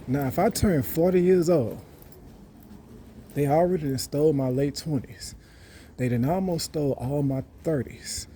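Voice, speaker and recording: A man talks in a rambling, boastful monologue and circles back over the same points. His voice is dark and mellow. A faint hiss sits behind him. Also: mid-range voice. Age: 30s. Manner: rambling, boastful, repeats himself. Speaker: vlogger. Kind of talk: casual monologue.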